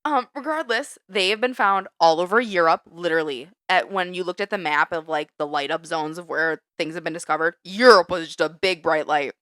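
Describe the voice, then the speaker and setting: A woman co-hosting a casual podcast, animated and exasperated, swearing freely. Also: lowish voice, a little fast, hardly any pauses, no room sound. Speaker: podcast co-host. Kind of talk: casual chat.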